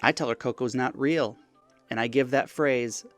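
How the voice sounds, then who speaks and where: A man's voice: medium pitch, moderate pace, faint music behind. A man telling the story of his chat with a scammer in a casual, mocking way, often acting out the messages. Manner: wry, mocking, acts out chat messages in other voices. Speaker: scam-baiting content creator.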